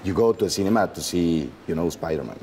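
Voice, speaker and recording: A Mexican actor, interviewed casually, speaks English as a second language with a Mexican Spanish accent, often pausing to find words. His voice is low-pitched and animated, set against a noisy background.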